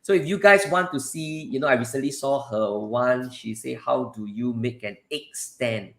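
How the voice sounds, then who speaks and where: A man with a Singaporean accent, a live session host and property adviser, runs a casual live advice stream, speaking conversationally and repetitively and often addressing his viewers directly. His voice is medium-pitched and a bit bright at normal speed, and the recording sounds roomy and echoing.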